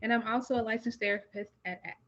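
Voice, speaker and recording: A woman's voice: fairly high pitch, fairly even intonation, fast, a bit bright. A woman from Buffalo, a mental health counselor, speaking as a confident, playful guest over a video call. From Buffalo, New York. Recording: dull lo-fi call audio.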